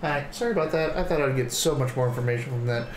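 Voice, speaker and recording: A man's voice: medium pitch, quick pace. A man playing a tabletop role-playing game, talking casually around the table. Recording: echoey room with clear background noise.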